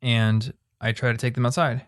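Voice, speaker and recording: A man's voice: medium pitch, flat delivery, moderate pace. Chatty young male podcast host. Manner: chatty, storytelling, trailing off into asides. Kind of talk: casual chat.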